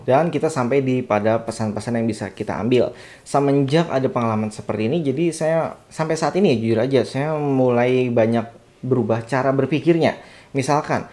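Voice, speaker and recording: A young man tells a personal story in a relaxed, conversational way. He sounds reflective and talks straight to his viewers, with a voice of ordinary, mid-range pitch. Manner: chatty, reflective, addresses viewers as "sob". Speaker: satellite dish installer and channel host. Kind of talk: casual storytelling vlog.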